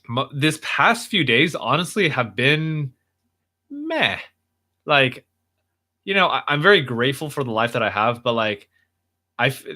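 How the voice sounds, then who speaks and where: A young man hosts a casual livestream, talking earnestly in a bright, forward tone. He rambles and restarts often, filling his talk with fillers as he goes. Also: medium pitch. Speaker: livestream host.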